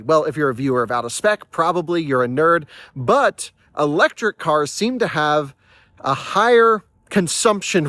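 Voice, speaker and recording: A man's voice: fairly high pitch, fairly bright tone, no room sound. A man hosting a casual explainer vlog, chatty and restarting words, talking through the hiccups. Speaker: channel host.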